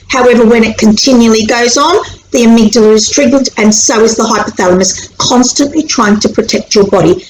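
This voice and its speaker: With a fairly high voice, this anxiety educator teaches in an animated, chatty way, talking casually to the camera and voicing anxious inner thoughts. She's Australian, born in Sri Lanka and raised in Australia. Her camera mic captures an echoey room and a faint hiss.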